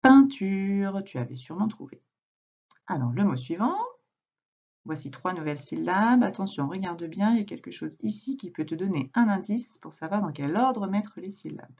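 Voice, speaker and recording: A woman teacher recording a reading lesson for a young child at home, speaking slowly and patiently, addressing the child directly. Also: lowish voice, animated, creaky, a little mellow, slightly rough, highs cut off. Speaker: primary school teacher.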